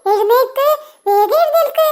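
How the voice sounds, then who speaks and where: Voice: very high voice, brisk, heavy background noise. A performer voicing an older sister in a cartoon, coaxing her sleepy little sister. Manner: coaxing, pleading. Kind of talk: cartoon voice acting.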